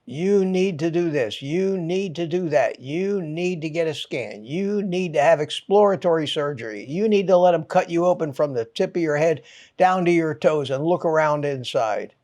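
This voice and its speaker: A male channel host with a mild head cold rants in brief, exasperated, punchy phrases, cursing to drive points home. His fairly high, darkish voice is animated and moves at a normal speed.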